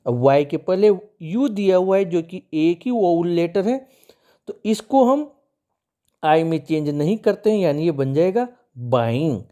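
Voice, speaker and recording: Lively-voiced male English teacher. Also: on the high side, a little slow. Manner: patient, walks through examples step by step; addresses viewers as friends. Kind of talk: explaining spelling rules.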